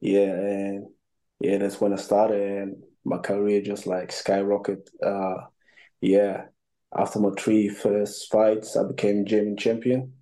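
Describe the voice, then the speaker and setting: A man's voice: on the low side, level tone, takes it slowly, warm tone, poor audio. A young man from Cameroon, an amateur boxer, answering interview questions with many fillers and restarts.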